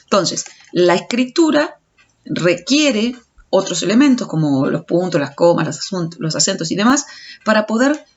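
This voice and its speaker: Speaking at a normal pace, a very animated woman with a lowish voice gives a recorded lecture as a teacher. She breaks things down step by step but stumbles over restarts, all on a dull lo-fi recording.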